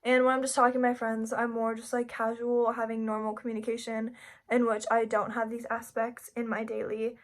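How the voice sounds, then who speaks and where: A woman's voice: fairly high pitch, monotone, a little fast. A young woman, a psychology student, giving a casual class presentation and filling her sentences with "like.". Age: young adult. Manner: frequent "like" fillers, chatty and informal.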